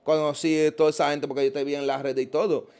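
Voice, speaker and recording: Animated Dominican man telling street stories. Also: on the high side, fast, creaky, clear, resonant tone. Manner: animated storyteller, acts out quoted voices. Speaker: interview guest. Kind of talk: casual interview.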